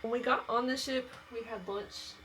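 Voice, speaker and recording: A woman's voice: a little high, fairly even intonation, moderate pace, a bit bright, low-quality recording. A woman with a Southern US accent, chatting casually on a travel vlog and giving tips. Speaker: travel vlogger and travel agent.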